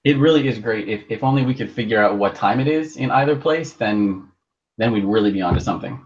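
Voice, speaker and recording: A man talking as a podcast co-host in casual chat, heard through a low-quality internet call, halting and often restarting his words. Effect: low-quality internet call audio. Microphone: video call. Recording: dull lo-fi video call line.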